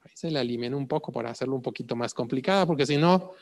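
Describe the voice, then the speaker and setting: A male medical lecturer walks students through clinical cases at a mid pitch. He keeps tossing out questions and answering them himself. His voice rings with the long reverb of a lecture hall. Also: rapid-fire. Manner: rhetorical questions, checks in with frequent "ok?". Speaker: medical exam prep lecturer.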